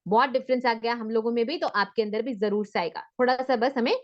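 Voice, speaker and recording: Encouraging female speaking coach, higher voice. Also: fast talker, dull audio. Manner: mixes Hindi and English, encouraging. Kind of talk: online class session.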